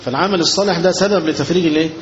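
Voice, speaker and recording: A man's voice: on the high side, rapid-fire. A man with an Egyptian Arabic accent preaching a sermon in a conversational way, often asking his listeners rhetorical questions. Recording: dull lo-fi recording with faint noise.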